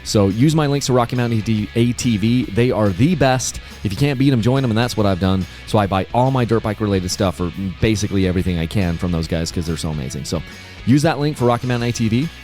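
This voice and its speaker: Podcast host, forties, male, low register, rambling casual delivery over faint music. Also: animated, quick pace, a little mellow. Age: 40s. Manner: rambling, many fillers and restarts.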